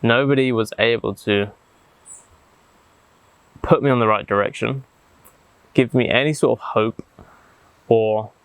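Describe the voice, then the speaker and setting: A man speaking reflectively and haltingly, with deliberate pauses, as he vlogs outdoors in the jungle. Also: medium pitch, no echo, poor audio. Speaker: vlogger. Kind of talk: reflective talk to camera.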